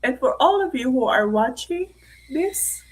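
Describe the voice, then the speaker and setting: A middle-aged woman with a Filipino accent, hosting an emotional live stream and often clearing her throat. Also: high voice, expressive, a little slow, poor audio. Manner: tearful, often clearing her throat, mixing in Tagalog phrases. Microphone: live stream mic.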